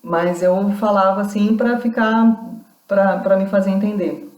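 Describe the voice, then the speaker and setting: A woman's voice: medium pitch, fairly even intonation, unhurried, darkish tone, reverberant. A woman university lecturer giving a recorded class, explaining points step by step with frequent restarts. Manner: explanatory, reads out quoted accounts, many restarts.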